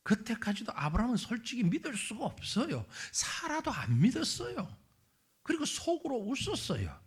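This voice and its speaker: A man's voice: very high voice, normal speed, husky. A middle-aged man, a pastor preaching a Sunday sermon in a church and acting out the dialogue of scripture scenes. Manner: animated preaching, acts out dialogue between God and Abraham. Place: church sanctuary.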